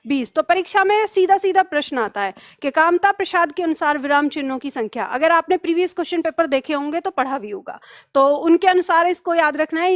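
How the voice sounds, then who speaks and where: A woman teacher giving an exam-prep grammar lesson, dictating notes slowly and asking and answering her own questions. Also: very high voice, no echo, studio quality.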